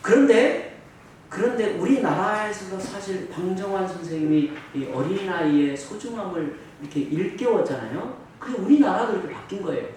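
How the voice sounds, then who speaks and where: A male pastor leads a Bible study with a lively, rising and falling voice, somewhat high for a man. He reads scripture, then explains it with many fillers. He is picked up from a distance in a very echoey church hall, with a faint rumble underneath. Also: normal speed.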